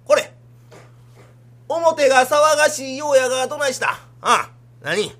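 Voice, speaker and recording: A man's voice: very high voice, animated, a little slow, fairly bright tone, pitched above the performer's own voice, heavily acted. A man voicing a fretful older merchant father with a Kansai accent, scolding his son in rakugo storytelling. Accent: Kansai Japanese. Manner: scolding, exasperated.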